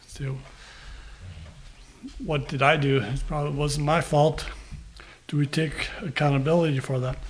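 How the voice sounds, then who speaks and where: An older man delivers a sermon with a fairly high-pitched voice. He reads scripture slowly and deliberately, then talks it through in a plain, unhurried way with pauses between phrases. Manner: slow, measured reading with pauses. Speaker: preacher.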